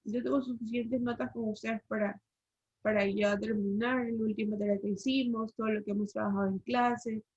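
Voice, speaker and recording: A woman's voice: fairly high pitch, steady tone, moderate pace, darkish tone, husky. A woman teacher giving an online language lesson, explaining rules and quizzing the class with questions over a video call. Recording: slightly dull lo-fi call audio.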